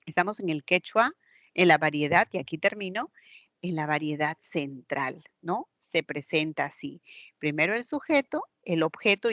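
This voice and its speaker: A woman's voice: lowish voice, a bit bright, no echo, muffled recording. A woman with a Peruvian Spanish accent teaching a recorded class, patiently explaining step by step with examples. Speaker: language teacher. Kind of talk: recorded online class lecture.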